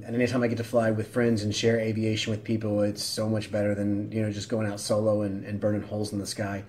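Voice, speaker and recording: A man in his forties vlogging in a deadpan, mock-earnest satirical style. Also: fairly low pitch, fast talker, rough recording. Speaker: vlogger pilot. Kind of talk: satirical vlog. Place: home room, then small plane cockpit, then outdoors.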